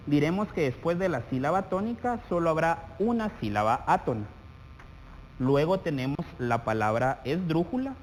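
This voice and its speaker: A man from Guatemala teaches a televised lesson in a fairly high voice with a very lively, rising and falling pitch. He talks directly to the viewer and draws out the example words slowly as he dictates them. The studio has a long reverb, with a faint hum underneath.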